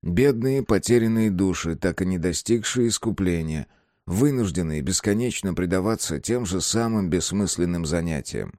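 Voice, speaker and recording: A man narrating a horror audiobook, low-pitched and measured. His pitch rises and falls expressively, and the sound is dry and close. He reads slowly and somberly. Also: expressive, darkish tone, no room sound. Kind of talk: audiobook reading.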